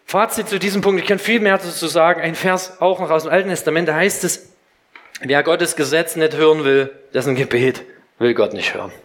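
A middle-aged male pastor delivering a sermon to a congregation in a church. His voice sits high for a man. He talks straight at his listeners and mixes teaching with everyday stories from home. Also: fairly quick. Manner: lively storytelling preacher, direct address.

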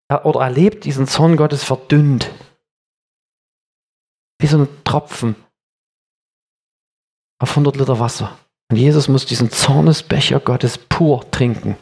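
A man preaching an earnest sermon, speaking emphatically and slowing down for dramatic weight. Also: on the high side, a little mellow.

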